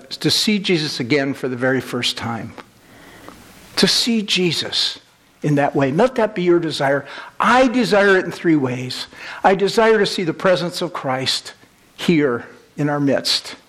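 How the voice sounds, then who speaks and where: A man preaching a sermon, earnest and storytelling, slowing down for emphasis. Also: a little high, fairly bright tone.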